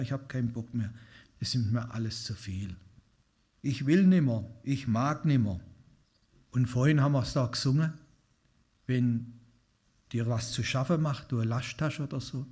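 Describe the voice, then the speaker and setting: A man with a medium-pitched, somewhat mellow voice delivers an informal sermon to his congregation. He's a lay preacher who keeps things conversational and poses questions to the listeners.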